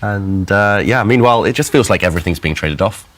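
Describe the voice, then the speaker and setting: Lower-voiced man commentating on chess. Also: brisk, a bit bright. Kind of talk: live commentary, conversational.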